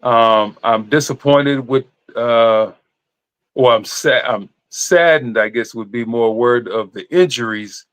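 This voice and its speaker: A man co-hosting a sports podcast in casual chat, halting and often repeating his words as he goes. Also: mid-range voice, fairly bright tone, clear, resonant tone, no echo. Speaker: sports podcast co-host and former player.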